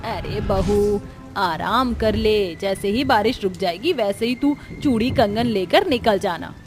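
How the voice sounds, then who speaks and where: A caring old mother-in-law in a cartoon story, as a woman narrator plays her. She speaks slowly and softly, a little lower than the other voices. Faint music plays under her. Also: close to an everyday voice.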